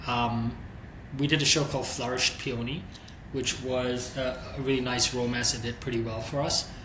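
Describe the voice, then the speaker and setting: In an interview captured with steady background noise and a roomy echo, a streaming executive speaks at normal speed in a mid-range voice. He answers candidly and thoughtfully, reasoning aloud as he goes.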